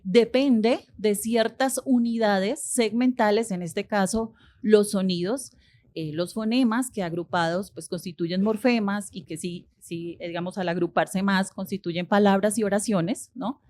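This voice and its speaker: A woman's voice: medium pitch, a little mellow. A woman giving an academic linguistics lecture, explaining step by step with rhetorical questions and frequent hesitations.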